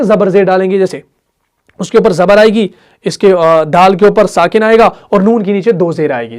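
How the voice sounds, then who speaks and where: A man's voice: high voice, a little mellow. Pakistani man teaching a recitation lesson. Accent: Pakistani Urdu. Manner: explains step by step, asks the class questions and answers them himself. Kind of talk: classroom explanation.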